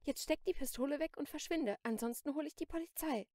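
A woman reading a brisk gallery saleswoman. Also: mid-range voice, darkish tone, no echo, studio quality, natural voice. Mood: frightened. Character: adult female gallery saleswoman, cool then frightened. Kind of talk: audiobook reading.

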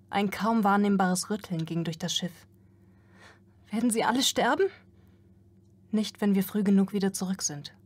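Breathy woman narrating a tense story. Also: fairly low pitch, darkish tone. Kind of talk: audiobook narration.

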